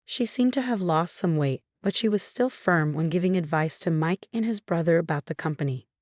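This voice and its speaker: A woman reading a scripted first-person story in a calm, even storytelling manner. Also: lowish voice, normal speed, no room sound. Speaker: narrator.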